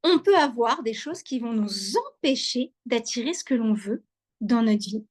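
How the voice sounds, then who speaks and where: A high-pitched woman lecturing to a live online audience over a video call. She speaks directly to her listeners and repeats key ideas. She often hesitates and restarts a sentence. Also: lively intonation, measured pace. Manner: warm, repetitive, addresses listeners directly. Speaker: lecturer on wellbeing.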